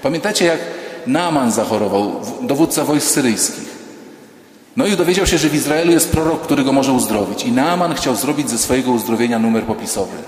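A man, a priest, preaching a sermon in a lively storytelling way, acting out the voices of the people in his stories with humor. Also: mid-range voice, brisk. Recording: echoey church hall.

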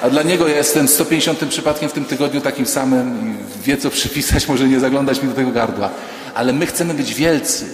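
A man, a priest, preaching a sermon in a lively storytelling way, acting out the voices of the people in his stories with humor. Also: mid-range voice, a little fast, a little hiss or hum. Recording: echoey church hall.

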